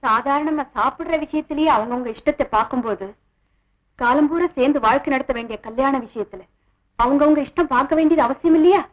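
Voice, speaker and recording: A woman playing a frank young orphan woman, high voice. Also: fairly quick, highs cut off, lightly acted. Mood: calm, firm. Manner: blunt and reasoning, addresses him as sir. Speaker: household worker. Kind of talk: 1960s Tamil film acting.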